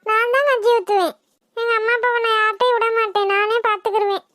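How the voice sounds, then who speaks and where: A woman's voice: fairly even intonation, fast, a bit bright, no echo, studio quality. A woman voicing a sweet young village girl in a cartoon, who talks in an earnest, pleading way and is devoted to her parents. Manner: pleading, earnest, high squeaky voice. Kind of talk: cartoon voice acting.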